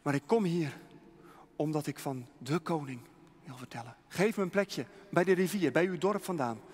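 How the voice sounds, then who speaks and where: A man's voice: on the high side, normal speed, slight background noise, close to an everyday voice. A man doing an earnest pleading missionary. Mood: urgent. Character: tense Dutch missionary man, pleading calmly. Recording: long hall reverb.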